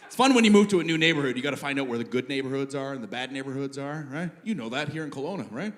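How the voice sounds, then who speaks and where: A man performing a live stand-up comedy set, animated, firing off rhetorical questions and shouting out punchlines. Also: medium pitch, quick pace. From Canada. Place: live comedy show in a venue. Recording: live venue with loud audience noise.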